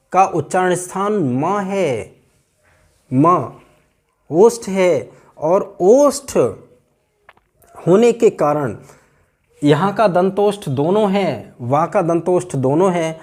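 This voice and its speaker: A man teaching Hindi grammar in a slow, deliberate way, repeating points to explain them. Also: high-pitched, a little mellow. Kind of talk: explanatory lesson.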